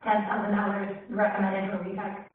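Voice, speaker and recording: A woman's voice: mid-range voice, monotone, brisk, recorded from a distance. Woman on a tinny metallic echoing line. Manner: hesitant, restarts her questions. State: hoarse, losing her voice. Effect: tinny metallic echo over the line. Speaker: council member at a public budget meeting. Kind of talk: questioning at a remote public meeting.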